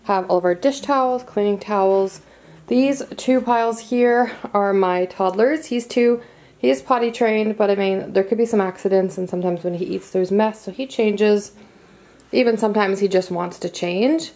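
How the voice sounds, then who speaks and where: A woman in her thirties chatting casually from her bedroom while folding laundry, relaxed and explaining as she works, recorded by a camera across the room. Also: mid-range voice, normal speed, low-quality recording. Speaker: vlogger and mother. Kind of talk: casual chat while cleaning. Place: home bedroom, indoors. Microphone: camera on a tripod across the room.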